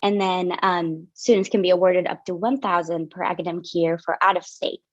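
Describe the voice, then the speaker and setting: On a lo-fi, dull-sounding video call with no echo, a young woman from Syria presents student funding policies as a finance officer. She talks fairly quickly in a lowish, steady voice, keeping things casual and filled with fillers.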